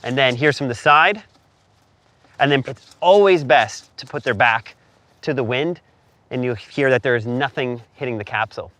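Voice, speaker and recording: With a mid-range voice at normal speed and a sharp tone, this man from Canada runs a filmmaking tutorial as a relaxed instructional chat. He's upbeat and jokey as he asks his guest questions. A lavalier mic hidden in his shirt records him outdoors in cold wind and later indoors.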